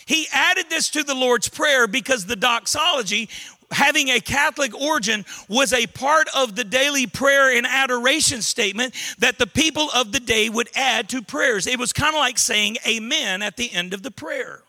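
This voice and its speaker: A middle-aged Southern pastor from Louisiana delivers a sermon in a high, bright, forceful voice. He leans on folksy humor and quick asides, often restarting words mid-phrase as he teaches.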